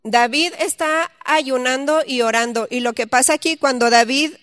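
A woman's voice: high voice, normal speed, fairly bright tone, no room sound, clean studio sound. A woman teaching a Bible study, reading scripture aloud and then explaining it conversationally with questions to her listeners.

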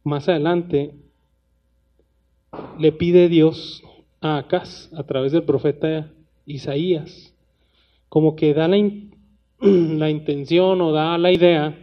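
A man's voice: fairly high pitch, fairly even intonation, slow, pauses often. A man preaching a sermon in a conversational way, often asking rhetorical questions. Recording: dull lo-fi sound.

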